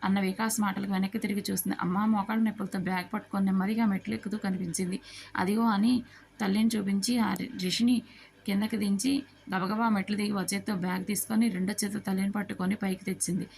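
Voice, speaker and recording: A woman narrates a family story at an even, everyday pitch. She gives every character's lines in her own voice and mixes English words into her sentences. Now and then she slips on a word and starts it again. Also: fast, gravelly. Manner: reads dialogue of all characters in her own voice; occasional slips and restarts.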